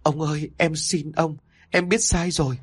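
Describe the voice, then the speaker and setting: A man's voice: a little high, lively intonation, moderate pace, husky, dry recording, clean studio sound, voice pushed up. A man voicing a frightened young wife who begs tearfully in a raised voice. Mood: sobbing.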